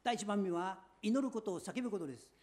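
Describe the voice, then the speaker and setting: Woman preacher, sermon, earnest short phrases, brisk pace, warm dark tone. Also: mid-range voice, lively intonation. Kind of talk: sermon, paused for interpreting.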